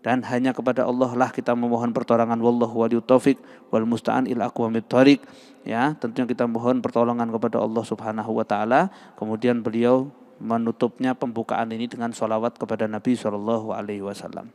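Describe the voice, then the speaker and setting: A man with a Javanese accent leads a religious study session in a large mosque. He teaches with humor, slipping into pleading sample prayers to make his points. His voice sits at a middling pitch, and a long reverb trails off the mosque walls. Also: level tone, fast, a little mellow.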